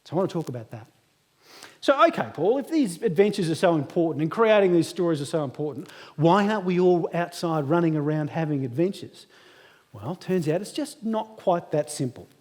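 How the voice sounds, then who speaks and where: Echoing around a large ceremony hall, a guest speaker in his thirties pokes fun at himself in an inspiring graduation speech. He speaks a little fast in a slightly high, expressive, somewhat mellow voice.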